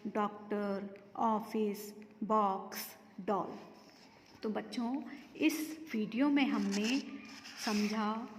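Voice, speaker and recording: Slow, echoey woman teaching children. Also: mid-range voice, a little hiss or hum. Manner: slow, deliberate, spells out each example word. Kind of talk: Hindi grammar lesson for children. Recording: echoey room with long reverb.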